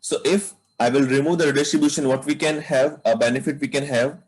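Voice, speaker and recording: A man's voice: medium pitch, steady tone, a little fast, breathy edge, rough recording. A man teaching a live online networking class, explaining step by step and checking in with students by asking "right?". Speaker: networking instructor.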